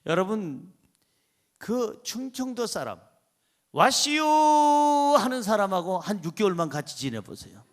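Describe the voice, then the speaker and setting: A man preaching a sermon as pastor, animated and asking the congregation questions, with sudden soft asides between loud points. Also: high-pitched, normal speed. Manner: asks the congregation rhetorical questions.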